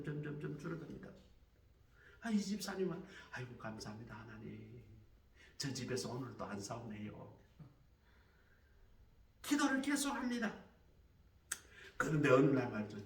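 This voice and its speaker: Animated preaching man in echoey sanctuary. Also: mid-range voice, slight background noise. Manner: animated storyteller, acting out the scenes. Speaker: pastor. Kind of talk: sermon storytelling. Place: church sanctuary. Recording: roomy hall from a distance.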